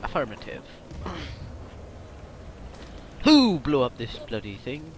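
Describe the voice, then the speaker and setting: Jokey gamer with a bouncy voice. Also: male voice, mid-range voice, wildly swooping pitch, slow pace. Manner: jokey, swears and laughs a lot, bursts into yelps. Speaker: livestreamer playing an online shooter. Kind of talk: casual gaming banter. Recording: gaming stream with background noise.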